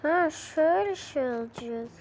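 A woman vlogger playing phone games and talking to her viewers, thinking out loud, exclaiming and getting frustrated. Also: high voice, animated, moderate pace. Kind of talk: casual gaming chatter to viewers. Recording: noisy background ambience.

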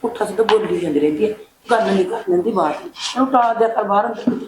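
A woman's voice: mid-range voice, roomy sound, noisy background, lightly acted. A woman playing a gossiping village neighbour. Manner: chatty, gossipy, drawn-out remarks.

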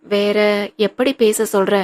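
A woman's voice: mid-range voice, fairly even intonation, slow, darkish tone, close to an everyday voice. A woman voicing a hurt young husband who questions his wife in a pained, reproachful way in an audiobook reading.

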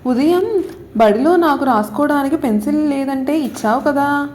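A polite little schoolgirl speaks plainly and kindly in a storybook tale. A woman storyteller reads her lines in a high voice. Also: moderate pace, darkish tone, lightly acted. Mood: friendly. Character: friendly young schoolgirl friend.

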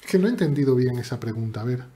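A man's voice: medium pitch, animated, rapid-fire, mellow. A man streaming and commentating his own live chess games in a playful, chatty way, teasing his opponent and talking to his viewers.

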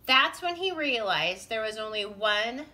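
A woman preschool teacher reading a picture book aloud to her class, gentle and expressive with chatty asides. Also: a little high, a little slow.

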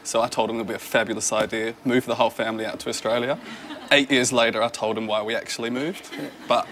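A man's voice: medium pitch, steady tone, quick pace, fairly bright tone, a little hiss or hum. A twenty-two-year-old man from England, a quiz contestant telling an amused, self-deprecating story. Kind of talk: casual storytelling. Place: TV studio.

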